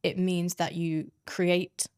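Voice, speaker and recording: A woman's voice: fairly low pitch, little pitch movement, slow pace, a little mellow, clear, resonant tone, no room sound, studio quality. A woman hosting an interview, thoughtfully summing up her guest's points before she asks her questions. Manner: reflective, summarizing the guest's points. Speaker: podcast host.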